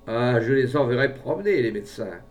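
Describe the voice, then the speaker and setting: A man voicing a scheming, smooth-talking male pharmacist in a story reading. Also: medium pitch, lively intonation, fairly quick, distant mic, slight background noise, natural voice. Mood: scoffing. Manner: persuasive, wheedling, falsely jovial.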